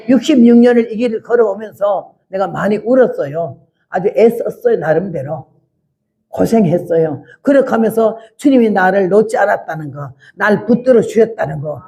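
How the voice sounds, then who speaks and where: Giving a testimony sermon, a missionary preacher in her 80s speaks bluntly and roughly in a mid-range voice, playing out scenes with loud, dramatic flair.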